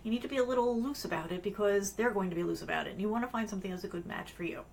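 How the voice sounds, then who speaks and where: A middle-aged woman hosts a live career webcast, sharing her screen as she talks casually. Her medium-pitched voice is rapid-fire and creaky, strained from allergies, and her speech is loose and rambling, full of fillers and restarts. A little hiss or hum can be heard.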